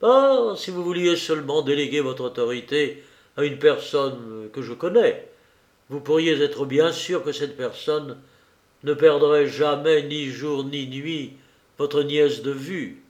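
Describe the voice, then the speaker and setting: An anxious notary coaxes and pleads gently, in a male reader's voice. He goes slowly and keeps pressing his point. The sound is roomy and echoing. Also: a little high. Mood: coaxing. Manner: coaxing, gently insistent. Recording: echoey room.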